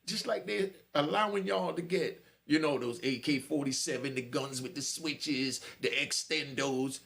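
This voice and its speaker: A man's voice: a little high, a little slow, vocal fry, fairly bright tone. A man in his fifties, a former prisoner, talking straight to camera and preaching warnings to young listeners. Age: 50s. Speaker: prison storyteller. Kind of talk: direct-to-camera monologue.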